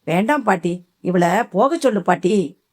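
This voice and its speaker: A woman's voice: mid-range voice, lively intonation, a little slow, a little mellow. A woman voicing a frightened, feverish young woman pleading in panic in an audiobook.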